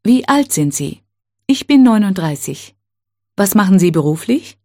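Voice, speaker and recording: Female teacher, mellow voice, unhurried drill reading with careful gaps between phrases. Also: medium pitch, very animated. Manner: slow, careful, clearly spaced phrases. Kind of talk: reading set phrases for learners.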